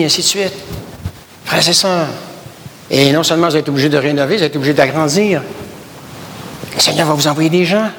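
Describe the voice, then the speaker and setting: A man's voice: a little high, a bit bright, big-room sound, slight background noise. A man from Canada with a Québécois accent, preaching a sermon emphatically and repeating phrases, addressing the congregation as brothers and sisters. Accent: Québécois French. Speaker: pastor.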